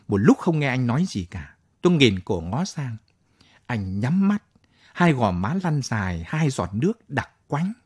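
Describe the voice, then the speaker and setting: A man narrating a late-night audio story in a calm, measured way. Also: medium pitch, husky, no room sound, clean studio sound. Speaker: story reader.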